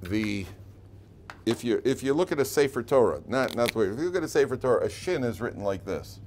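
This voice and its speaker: Casting: man as a rabbi teaching a small class informally, medium pitch, puts questions and drives points home, noisy room sound. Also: animated, a little fast, darkish tone. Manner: questioning, asks and answers his own questions; emphatic, repeats key phrases. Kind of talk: informal Torah lesson to a small group. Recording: clearly noisy room recording.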